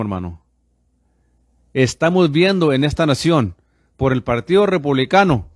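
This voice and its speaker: An American radio pastor in his fifties preaches with fervent insistence, constantly calling his listeners brothers. His voice sits on the high side. The studio recording is clean, with no room sound.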